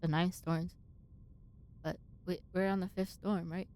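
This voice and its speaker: A woman's voice: lowish voice, little pitch movement, normal speed, a little mellow, slight background noise. A woman streaming a game, reading its text aloud and reacting casually.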